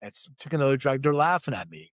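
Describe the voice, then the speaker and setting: Here a Lithuanian-born CEO, middle-aged and raised in Philadelphia, talks fast in a sing-song, mid-range voice. As an interview guest he shares his life story candidly, pokes fun at himself, and acts out quoted lines. The sound is dry and clean, like a studio.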